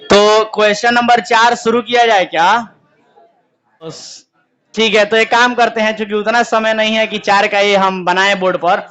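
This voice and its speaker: A young man teaches a class, firing questions at his students and then answering them himself. His voice sits high for a man. The classroom recording sounds muffled and lo-fi. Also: little pitch movement, moderate pace, fairly bright tone, clear, resonant tone. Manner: quizzing students, call and response. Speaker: accountancy teacher. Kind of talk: classroom lecture.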